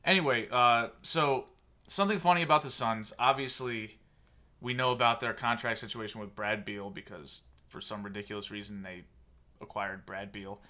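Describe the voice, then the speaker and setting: A man's voice: lowish voice, fairly even intonation, moderate pace, bright, forceful tone. A man in his thirties hosting a casual sports podcast, opinionated and sarcastic as he rants. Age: 30s. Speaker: podcast host.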